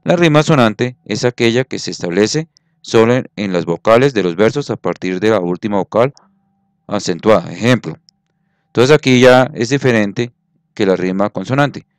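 A man's voice: lowish voice, expressive, moderate pace, clean tone, dry recording, clean studio sound. A man teaching a classroom lesson, patient, counting syllables aloud and checking that students follow.

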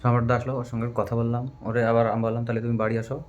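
A man's voice: medium pitch, level tone, rapid-fire, a little mellow, muffled recording. A man talking casually with his wife at home at night, practical and a bit defensive about his work. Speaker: vlogger's husband. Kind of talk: casual domestic conversation.

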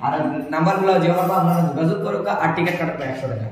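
A young man with a Sylheti-influenced southern Assam Bengali accent gives an informal, urgent, repetitive sales pitch to the camera as a vlogger. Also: racing. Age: young adult. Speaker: vlogger promoting a lucky draw. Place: small bare indoor room. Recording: very echoey hard room, faint noise, clicks.

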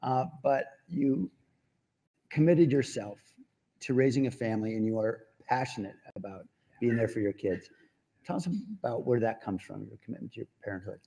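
A man's voice: mid-range voice, moderate pace, creaky, dark tone, low-quality recording. A middle-aged man interviewing a guest on an indoor event stage, admiring and conversational, with light filler words. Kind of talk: onstage interview.

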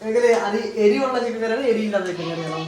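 A man's voice: sits high, animated, rapid-fire, a crowd in the background. A man, chatting casually and rambling as he films a family vlog in a home kitchen, mixing in English words. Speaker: family vlogger filming his partner cooking.

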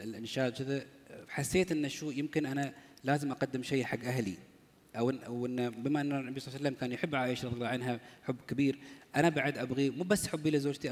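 A man with a Gulf Arabic accent speaks very fast as a panel guest, sharing a personal story with restarts. His mid-pitched voice carries a long hall reverb. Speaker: panel guest, religious singer. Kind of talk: personal anecdote in panel talk.

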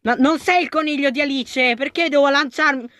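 Excitable, panicky let's-play gamer. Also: high voice, brisk, no echo. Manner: excitable and panicky, talks to game characters, swings between shouting and muttering. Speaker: gaming video creator.

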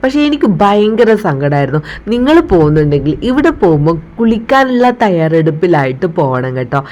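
A woman's voice: lowish voice, sing-song, brisk, a little mellow, lo-fi sound. A woman narrating a casual travel vlog, chatting directly to viewers and mixing English words into her Malayalam. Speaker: travel vlogger.

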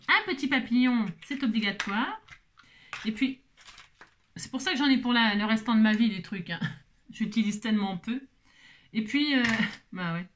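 A woman's voice: fairly high pitch, a bit bright, slight background noise. A woman hosting a craft tutorial, chatting playfully to viewers and to herself as she works. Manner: talks to herself and viewers while working, playful teasing asides.

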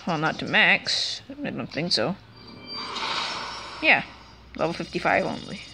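A woman's voice: fairly low pitch, lively intonation, measured pace, creaky, music in the background. A woman giving casual, rambling commentary over a video game let's play, often correcting herself as she talks. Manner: chatty, rambling, self-correcting.

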